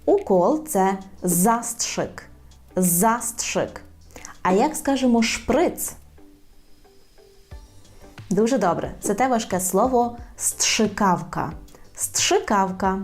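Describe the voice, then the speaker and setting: A woman teaching a language in a video lesson, repeating words slowly and carefully. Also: on the high side, animated, a little mellow, faint music behind. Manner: slow, careful repetition of words.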